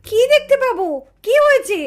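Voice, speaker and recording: A woman doing a calm, chiding neighbor mother. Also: extremely high pitch, a little fast. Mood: reasoning. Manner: reasoning, mildly chiding. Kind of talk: doll-show voice acting.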